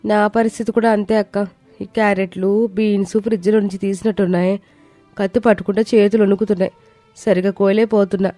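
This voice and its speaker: A woman's voice: mid-range voice, flat delivery, warm tone, dry recording, faint music behind, close to an everyday voice. A woman voicing the youngest daughter-in-law in a cartoon story, who grumbles indignantly about the men's demands. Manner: indignant, quick complaints.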